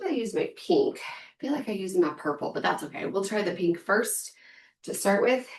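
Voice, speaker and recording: In an echoey room captured by a distant mic, a woman runs a relaxed workout session, calling out rep counts and brief words of encouragement. She speaks at a normal pace with medium pitch and an animated delivery.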